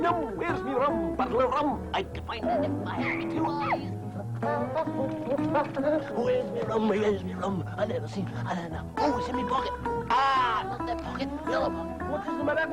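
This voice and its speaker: A man's voice: very high-pitched, pitched above the performer's own voice, rough recording. An actor playing a rowdy one-eyed male pirate in a put-on English pirate voice, cackling and sing-song.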